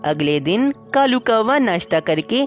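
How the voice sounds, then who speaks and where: A woman narrating a cartoon story in a lively storybook manner. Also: mid-range voice, measured pace, muffled recording, soft background music.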